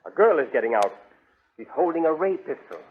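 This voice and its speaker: An actor playing a grave, fatalistic prince and loyal companion in a 1930s radio adventure serial. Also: male voice, fairly high pitch, sing-song, fairly quick. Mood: apprehensive. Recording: tinny, noisy 1930s radio recording.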